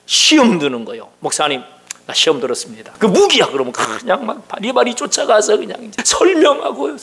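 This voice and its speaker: A man preaching a sermon as pastor, firing questions at the congregation and dropping into hushed whispers for emphasis. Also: sits high, vocal fry, husky.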